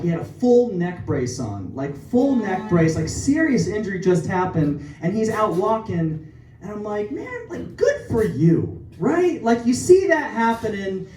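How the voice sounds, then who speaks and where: A man's voice: high-pitched, a little mellow, a little hiss or hum. Young male stand-up, self-deprecating and rambling; room echo and a far mic. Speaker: stand-up comedian. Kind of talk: stand-up comedy set. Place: comedy club stage. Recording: echoey club from far off, with crowd. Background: audience laughter.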